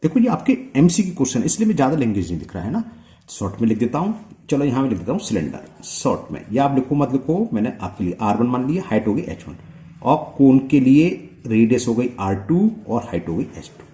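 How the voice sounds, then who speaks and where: A man's voice: medium pitch, very animated, mellow. A man teaching maths and working through a multiple-choice solution step by step, often stopping to check with the viewer. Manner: slow, step-by-step, asking the viewer questions.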